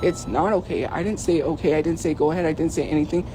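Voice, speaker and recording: High-voiced man rambling outdoors. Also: quick pace, background noise. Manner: emotional, rambling, many fillers. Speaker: streamer telling a personal story. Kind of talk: casual rambling storytelling.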